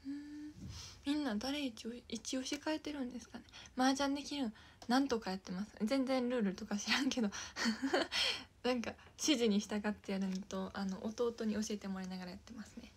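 Chatting casually on her livestream, a young idol with a Kansai Japanese accent giggles frequently, whispers now and then, and thanks viewers by name. Her husky voice sits on the high side, steady and moderately paced.

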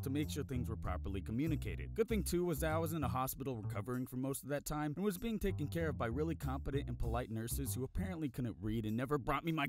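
A young adult man telling a comedic scripted personal story in an exaggerated, slangy way as a narrator. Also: medium pitch. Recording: voice-over with background music. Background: music.

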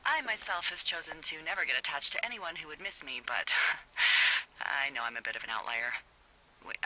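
An actress voicing a wry, teasing woman fire lookout who talks over the radio in a video game, playful and quick to laugh. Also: sits low, bright, forceful tone, full character voice, low-quality recording.

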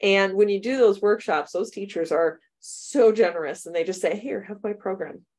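Over a webcam video call, a middle-aged American woman runs a computer science workshop demo for teachers in a webinar. Her mid-range voice has a darkish tone and moves at a moderate pace, and she is chatty, upbeat and quick to laugh.

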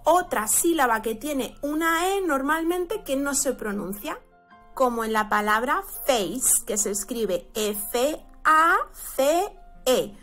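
A woman from Spain teaching English pronunciation, drawing out each example word slowly. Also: sits high, a bit bright. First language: Spanish. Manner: slow, drawn-out model words. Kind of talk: pronunciation lesson.

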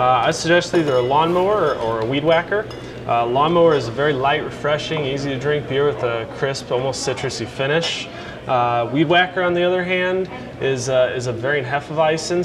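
A man in a brewery taproom answering interview questions in an informative, matter-of-fact way. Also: medium pitch. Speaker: brewery guest.

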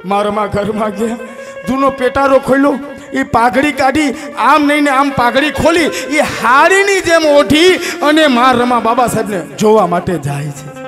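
A man with a Kathiawadi Gujarati accent telling a folk story with music in an impassioned, declamatory way, moving from hushed to shouting. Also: extremely high pitch, expressive, moderate pace. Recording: music playing behind.

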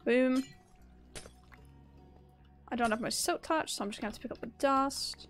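A woman's voice: high voice, moderate pace, faint music behind. Chatty upbeat young woman streamer. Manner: chatty, upbeat, laughs often, talks to chat. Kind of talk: casual live-stream chat while gaming.

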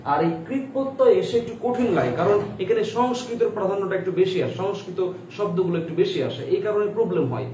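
Bangladeshi guy teaching grammar live, highish voice, keeps asking "right? won't it?", echoey room and a bit far off. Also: lively intonation, a little fast, a crowd in the background. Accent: Bangladeshi Bengali. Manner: coaxing, asks students to answer in comments, repeats questions. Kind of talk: live online grammar class.

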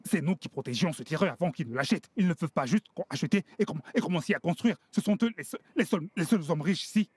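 Indignant gang boss, husky voice. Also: male voice, on the high side, fast, few pauses, a little mellow, no echo. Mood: indignant ranting. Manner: scolding, emphatic, repeats himself. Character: domineering, indignant male street gang boss. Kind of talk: French-dubbed Nigerian film drama.

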